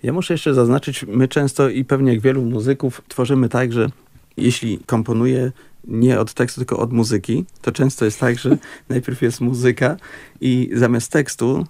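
A man with a gravelly, creaky voice talks over his composing work in a halting, thoughtful way, filling pauses with small hums. The sound is close and dry, with no room around it. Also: mid-range voice, steady tone, mellow, no echo. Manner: thoughtful, halting with many fillers. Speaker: composer and musician. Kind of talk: casual interview talk.

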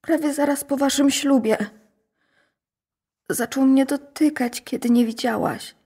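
An actress playing a frightened, bitter young daughter in a radio drama, her confession halting and shaky. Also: sits high, dark tone. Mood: hushed.

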